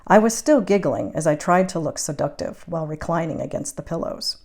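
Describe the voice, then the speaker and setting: A woman narrating a romance audiobook in the first person, measured and intimate. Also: deep voice, expressive, darkish tone. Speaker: audiobook reader.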